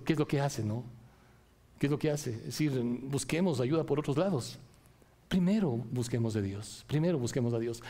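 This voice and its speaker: A middle-aged male pastor preaching a sermon, often checking in with his listeners and rising into emphatic, lively passages. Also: on the high side. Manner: rhetorical, frequent "¿sí?" checks with the congregation.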